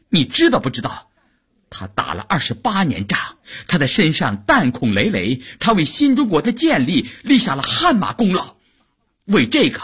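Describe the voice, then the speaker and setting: A man voicing a proud young woman who fiercely defends her husband in an audiobook, with a husky, indignant delivery. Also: lowish voice, heavily acted. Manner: indignant, rising to sharp outbursts.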